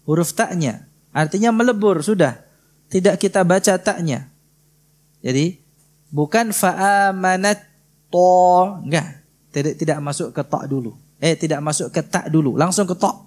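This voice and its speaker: A man from Indonesia teaching Quran recitation in a prayer hall, patiently drilling and gently correcting students. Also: a little high. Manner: slow, patient, drills students by repeating syllables. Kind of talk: tajwid lesson with live correction.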